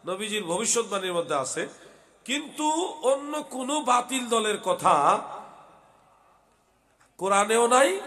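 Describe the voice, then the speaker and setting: A hoarse man from Bangladesh, a preacher delivering a heated waz sermon at a religious gathering, often raising his voice. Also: very high-pitched. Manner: loud, heated, swings into shouting. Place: outdoor religious gathering stage.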